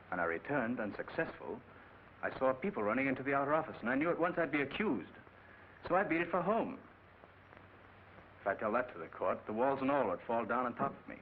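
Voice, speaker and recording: A man's voice: medium pitch, close to an everyday voice. An actor playing a hot-headed, desperate young accused man, in 1940s crime film style. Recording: tinny, hissy old film soundtrack.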